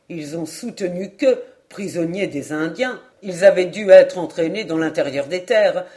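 Brief: bitter storybook lord, low and curt, mellow dark tone, voiced by a woman narrator. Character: grim, bitter Scottish lord, middle-aged man.

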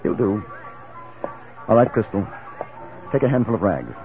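A cool, polished English gentleman adventurer from a 1950s radio western, who narrates and gives orders with dry wit. His tone moves up and down with a lot of life. The sound is thin and phone-like, with music underneath. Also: fairly low pitch, big pitch swings, moderate pace. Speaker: narrator and lead. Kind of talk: 1950s radio drama acting. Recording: narrow-band 1950s radio broadcast with music.

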